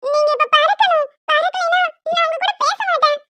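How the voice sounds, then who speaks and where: A woman's voice: steady tone, fairly quick, sharp tone, dry recording. A woman voicing a small, stubborn cartoon girl who pleads in a whiny, insistent way. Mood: pleading. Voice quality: squeaky and very high. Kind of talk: animated cartoon voice acting.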